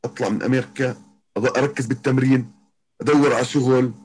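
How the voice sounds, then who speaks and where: Music plays beneath a medium-pitched man talking fast with fairly even intonation. He's a professional MMA fighter from Jordan, a Palestinian-Jordanian Arabic accent in his speech, chatting casually as a guest and returning often to earlier phrases.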